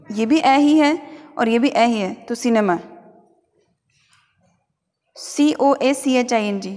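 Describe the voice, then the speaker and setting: A woman teacher with a Rajasthani Hindi accent and a slightly high voice takes a pronunciation lesson one word at a time. She spells each word letter by letter, then repeats it slowly several times. Her voice trails off into a long reverberant room sound. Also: a little mellow.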